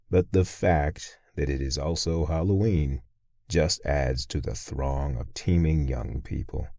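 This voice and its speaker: A man with an extremely deep, gravelly voice tells a first-person horror story slowly and with brooding menace. His tone is dark and husky, recorded dry and close. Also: no room sound. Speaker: narrator.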